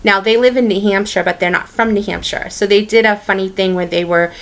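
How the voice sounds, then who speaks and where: A woman with a Boston-area accent chats casually in her stitching vlog, rambling with lots of ums and restarts. Her voice is medium-pitched with fairly even intonation, and her pace is brisk.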